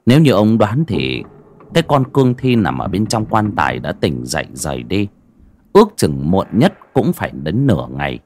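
A man narrating a horror story in an expressive, dramatic way. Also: low voice, normal speed.

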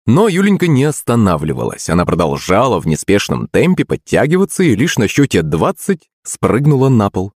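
A man's voice: lowish voice, very animated, moderate pace, few pauses, darkish tone, slightly rough, no echo, studio quality. A man narrating a first-person audiobook.

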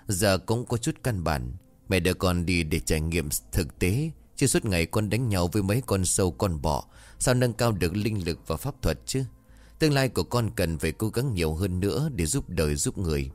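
A man's voice: low voice, darkish tone. A man voicing a stern middle-aged mother who practices magic and scolds her daughter.

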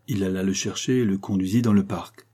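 A man reads a short story aloud, his voice low and husky. The telling is measured and even, with a mellow, dark tone. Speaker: narrator. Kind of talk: audiobook reading of a short story.

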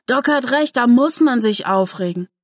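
A quiet young tinkerer who builds calculating machines, voiced by a woman in a dry, close, slightly raised voice. He sounds earnest and firm in a story reading. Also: medium pitch, moderate pace, no echo, lightly acted.

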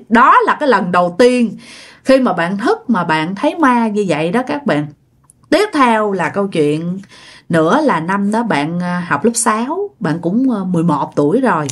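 A woman's voice: mid-range voice, very animated, moderate pace, a bit bright. A woman with a Southern Vietnamese accent, chattily retelling a listener's ghost story and repeating words for effect.

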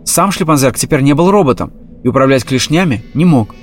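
A man reading a humorous animal story aloud in a steady, even storytelling voice. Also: medium pitch, a little fast, soft background music. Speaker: audiobook reader. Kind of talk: scripted storybook narration.

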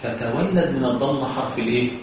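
A man with an Egyptian Arabic accent teaching Quran recitation, explaining through rhetorical questions and slow chanted examples. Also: medium pitch. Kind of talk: tajweed lesson. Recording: very echoey room, voice far from mic, faint background noise.

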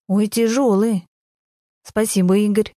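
A cool, dismissive young mother with a dry, sarcastic edge, as a woman reads her. Her delivery is unhurried and mellow, recorded close and dry. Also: medium pitch, level tone, no echo, lightly acted.

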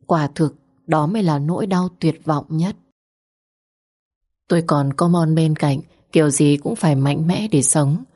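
A woman narrates a first-person story. Her voice sits very low, and she reads softly and slowly with feeling. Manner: soft, slow and emotional.

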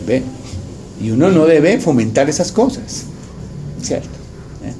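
Joking pastor preaching in church. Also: male voice, fairly high pitch, big pitch swings, unhurried, warm tone, a little hiss or hum. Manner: jokey, mimics voices, addresses congregation directly. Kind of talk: sermon.

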